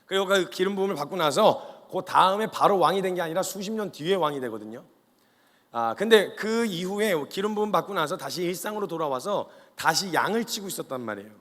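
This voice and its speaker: High-voiced male preacher in a reverberant hall. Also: brisk. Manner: animated storytelling, colloquial, acts out dialogue. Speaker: missionary preacher at a youth camp. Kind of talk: lively revival sermon. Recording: long reverb of a large hall.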